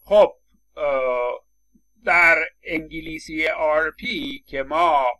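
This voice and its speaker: A man's voice: a little high, sharp tone. A man lecturing on English phonetics, explaining step by step with frequent hesitation fillers. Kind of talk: university lecture.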